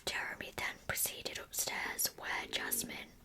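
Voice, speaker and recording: A woman narrates true crime as ASMR, whispering breathily without voicing, close to the mic and unfolding the story slowly and deliberately.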